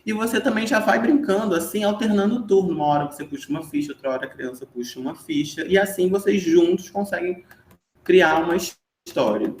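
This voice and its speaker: A man's voice: high voice, expressive, fairly quick, a little mellow. Chatty Brazilian man teaching in an echoey room. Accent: Brazilian Portuguese. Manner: chatty, frequent tag questions. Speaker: teacher giving an online class. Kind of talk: explanatory lesson.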